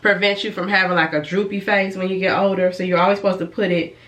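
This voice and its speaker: Fast and flat in delivery, this woman has a mid-range voice that's a bit bright. She's a licensed cosmetologist and beauty vlogger, slightly stuffed up from a cold, casually reviewing and demonstrating skincare in a rambling, self-correcting way, recorded from afar in a room with echo.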